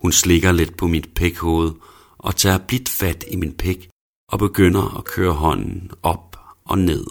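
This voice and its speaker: A man reading a first-person story aloud in a plain, low-key way. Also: gravelly. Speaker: narrator.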